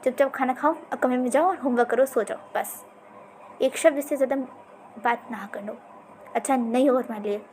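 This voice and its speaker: Stern young father, commanding and sharp, voiced by a woman storyteller. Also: sits high, brisk, slight background noise, lightly acted. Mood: angry. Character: stern young man scolding his son.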